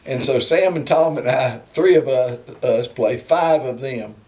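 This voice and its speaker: A man's voice: mid-range voice, unhurried, darkish tone. An older man with an Appalachian Southern accent, telling rambling, folksy anecdotes in casual conversation. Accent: Appalachian Southern American. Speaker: storyteller sharing family memories.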